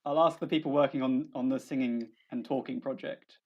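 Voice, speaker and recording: A young researcher from the south of England speaks at a medium pitch, brisk and slightly mellow, with a steady tone. Chatting casually as a guest, he often restarts his sentences in a modest, hesitant way. The audio is dull and lo-fi.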